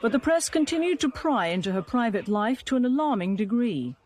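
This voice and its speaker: A woman's voice: a little high, big pitch swings, a little fast, a little mellow, soft background music. A woman delivering a scripted news report.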